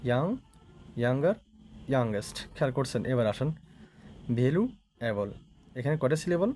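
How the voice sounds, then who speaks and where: A man's voice: medium pitch, a little mellow, slight background noise. A Bangladeshi man teaching English grammar in a recorded lesson, repeating each point and often asking the students if they follow. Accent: Bangladeshi Bengali. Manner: repetitive, checks understanding with frequent questions. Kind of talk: recorded classroom-style lesson.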